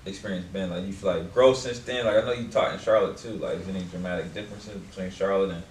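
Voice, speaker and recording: A man's voice: deep voice, fairly even intonation. A man co-hosting a podcast, joking and asking the guest questions. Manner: quick, joking, asks questions. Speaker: podcast co-host. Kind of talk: casual podcast chat. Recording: roomy, distant mic with faint noise.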